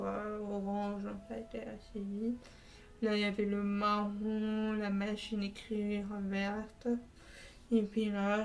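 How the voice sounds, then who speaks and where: Woman chatting about her puzzles, slow and hesitant, lots of ums, mellow voice. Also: mid-range voice, low-quality recording. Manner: hesitant, many filler sounds and restarts. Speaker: puzzle vlogger. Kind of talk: casual vlog commentary.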